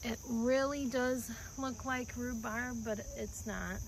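A woman calmly narrating a walk through her woods, pausing often as she points out plants and animals. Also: on the high side, gravelly, background noise. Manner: calm, unhurried, pausing often. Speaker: homestead vlogger. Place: outdoors in woods by a creek. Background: faint insects and outdoor ambience.

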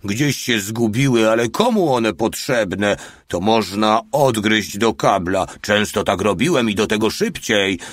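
A man's voice: lowish voice, expressive, measured pace, no room sound, clean studio sound. A man voicing a careless, joking soldier in an audiobook reading. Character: big, crude male soldier, playful. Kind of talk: audiobook character voice.

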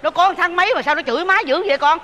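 A performer playing a stubborn older country mother with a Southern Vietnamese accent, scolding fast. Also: sharp tone, long reverb tail. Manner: scolding, quick and shrill.

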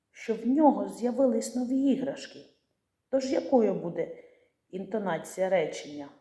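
Soft mellow lady teacher talking to little kids, patient, asks stuff then answers, roomy echo. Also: medium pitch. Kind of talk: scripted lesson for young children.

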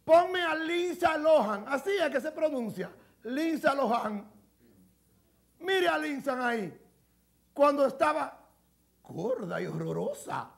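A man's voice: extremely high pitch, lively intonation, takes it slowly, creaky, long pauses, heavily acted. A man playing a flamboyant woman who presents TV gossip. He talks in a camp, theatrical way and calls everyone "my love" in a TV studio with faint music behind. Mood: gossipy. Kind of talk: sketch comedy gossip segment.

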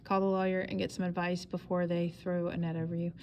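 A woman reading the lines of an angry middle-aged father who curses and scolds his son, in a low, flat, gravelly voice. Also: a little fast, dull audio, a little hiss or hum, lightly acted. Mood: scolding. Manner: blustering, cursing, scolding.

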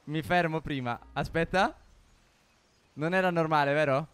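A man co-hosting a gaming video with expressive, casual commentary on his own play. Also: on the high side, normal speed, clean tone.

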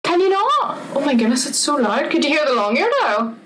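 A woman's voice: high voice, big pitch swings, brisk, a bit bright, recorded from a distance, slight background noise, rough recording. A woman, a conservation officer giving an informal online talk, explaining in a chatty way with lots of fillers.

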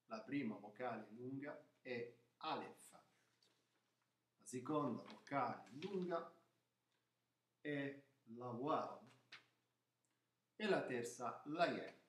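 Male language teacher, unhurried and patient, checking in often; roomy recording with mic at a distance. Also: mid-range voice. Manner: repeats "ok?" to check understanding, some false starts. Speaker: Arabic teacher. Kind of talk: informal lesson explaining the alphabet. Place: room, writing on paper at a table. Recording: echoey room, voice somewhat far from mic.

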